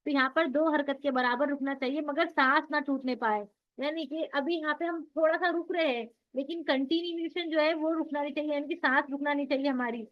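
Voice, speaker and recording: Speaking fairly quickly in a high voice with fairly even intonation, a woman leads an online lesson on Quran recitation rules. She explains patiently and asks and answers her own questions. The audio is dull lo-fi.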